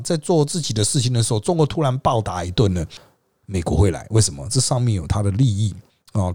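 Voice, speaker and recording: Sardonic man, lively pitch. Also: no echo, studio quality. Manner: sarcastic, rhetorical, heavy use of sentence-final particles. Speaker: podcast host. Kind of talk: political commentary monologue.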